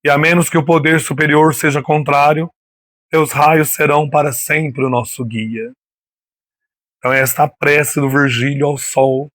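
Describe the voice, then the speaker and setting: A man's voice: fairly high pitch, flat delivery, moderate pace, fairly bright tone, no echo. Man explaining a classic poem. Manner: reads passages then comments, frequent tag questions. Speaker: literature teacher.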